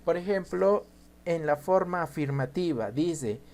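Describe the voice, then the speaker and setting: Slow, patient male English teacher. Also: fairly high pitch, lively intonation, a little mellow. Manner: slow, patient, repeats and spells out each example. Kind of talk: recorded grammar lesson.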